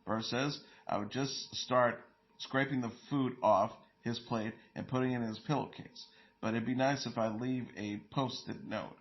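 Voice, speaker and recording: A man's voice: mid-range voice, steady tone, normal speed, lo-fi sound. A man hosting an entertainment news show, reading stories and quotes in a plain delivery with small slips and fillers.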